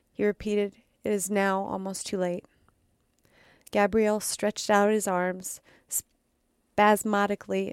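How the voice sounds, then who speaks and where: A woman's voice: mid-range voice, a little mellow, smooth, dry recording, studio quality. A woman podcast host reading a true story aloud, dramatic, with occasional stumbles and asides.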